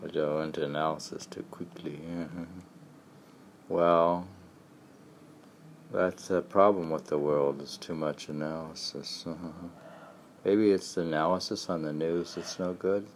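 A man reading a poem aloud at home, pausing to comment on the lines as he goes. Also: a bass voice, steady tone, slight background noise. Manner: reads verse slowly, breaks off to comment. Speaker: poetry reader.

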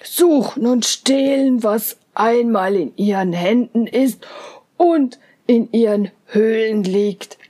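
A woman voicing a large, gentle male bear in a fairy tale reading, speaking slowly and low, trailing into whispers. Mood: earnest.

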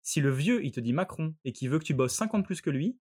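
Fast-talking animated French man. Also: a little high, breathy edge. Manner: animated, crude, acts out voices. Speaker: storyteller in a podcast chat. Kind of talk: casual chat, telling an anecdote.

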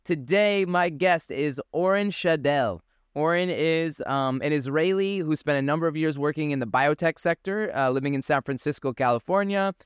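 Smooth-voiced chatty male host. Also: fairly high pitch, normal speed, no room sound, clean studio sound. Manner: chatty, curious, with many fillers. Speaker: podcast host. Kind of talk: casual interview conversation.

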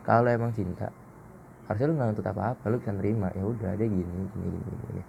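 A man's voice: fairly low pitch, steady tone, quick pace, gravelly, a little mellow, dull audio, slight background noise. A man hosting a casual solo podcast, blunt, slangy and self-mocking. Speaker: podcast host.

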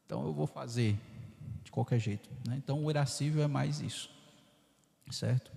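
In an echoing parish church hall, a gravelly-voiced male priest gives an informal catechesis talk at a normal pace, his medium-pitched voice mellow and his accent Brazilian Portuguese. He speaks conversationally, constantly asking "né?" and acting out inner voices, and the reverberant recording has flaws.

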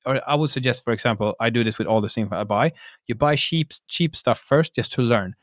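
A male podcast host talks very fast, giving animated, chatty advice. His mid-range voice is recorded dry, with no room sound around it. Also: mid-range voice, no room sound. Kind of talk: casual podcast interview.

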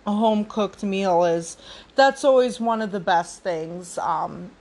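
A woman's voice: medium pitch, unhurried, a little mellow. A woman in her late twenties hosting a podcast alone, talking in a reflective way with many fillers and restarts. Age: 20s. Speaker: podcast host. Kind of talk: casual solo podcast talk.

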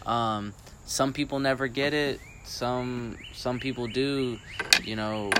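A man's voice: medium pitch, steady tone, takes it slowly, a bit bright, a little hiss or hum. A man hosting a casual podcast chat, easygoing and asking probing questions. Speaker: podcast host.

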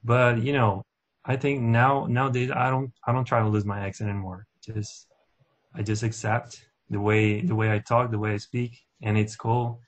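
A Brazilian man with a Portuguese accent, talking in a relaxed, easygoing way on a casual podcast. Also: mid-range voice, moderate pace, muffled recording. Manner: relaxed, easygoing, filler-heavy. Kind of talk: casual group chat.

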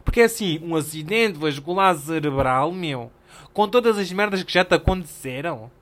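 A young man with a European Portuguese accent, telling a story on his solo podcast in animated, slangy and self-mocking casual chat. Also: a little high, moderate pace. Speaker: podcast host.

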